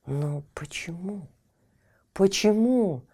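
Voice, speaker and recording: A woman's voice: lowish voice, expressive, takes it slowly, warm tone, heavily acted. A woman voicing a curious, determined young boy in a children's audio fairy tale. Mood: insistent. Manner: eager and questioning, resolute.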